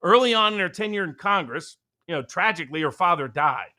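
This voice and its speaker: High bright-voiced emphatic male commentator. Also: expressive, fairly quick. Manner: emphatic, sarcastic, combative. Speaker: co-host. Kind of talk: political commentary chat.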